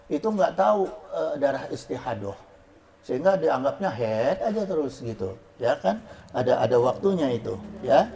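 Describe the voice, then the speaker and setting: A man giving a relaxed, joking religious lecture to women, chanting Arabic phrases slowly. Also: a little high, gravelly. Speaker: preacher.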